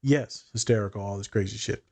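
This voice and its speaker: A man's voice: lowish voice, fairly quick, a little mellow. Candid, sweary male podcast host. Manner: candid, heavily sweary, slangy, joking. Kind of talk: casual podcast chat, storytelling.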